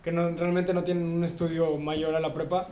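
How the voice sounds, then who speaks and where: A man's voice: a little high, flat delivery, normal speed, warm tone, slight background noise. A young Mexican man in casual podcast chat, rambling and slangy. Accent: Mexican Spanish. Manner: slangy, rambling, peppered with güey. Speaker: podcast co-host. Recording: echoey room.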